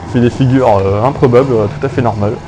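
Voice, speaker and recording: A man's voice: medium pitch, quick pace, noisy background. A young man giving casual, jokey gameplay commentary through an old phone headset, rambling with many fillers and restarts. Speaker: gaming YouTuber.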